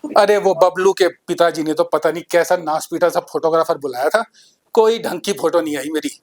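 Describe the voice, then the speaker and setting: A man's voice: a little high, moderate pace, lightly acted. A man voicing a fussy, vain middle-aged shopkeeper's wife who chatters and gossips. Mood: chatty.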